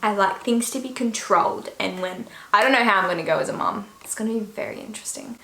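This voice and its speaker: A young Australian YouTuber with an Australian accent answers questions in a casual vlog, chatty and full of fillers and trailing asides. She talks fast in a medium-pitched, creaky, fairly bright voice, recorded in an echoey room with faint noise.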